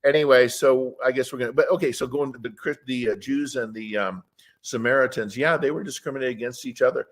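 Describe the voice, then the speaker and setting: A man with a medium-pitched voice speaks briskly as a guest in a casual interview. He tells rambling stories in a plainspoken, opinionated way, often drifting off topic.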